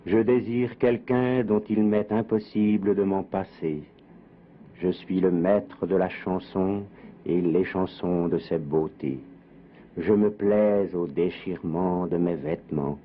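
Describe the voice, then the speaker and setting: A man giving solemn, measured, poetic scripted documentary narration, heard as a 1950s TV broadcast. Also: sits low, fairly even intonation, slight background noise. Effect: 1950s TV broadcast sound. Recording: dull lo-fi 1958 archive with music. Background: plucked guitar music.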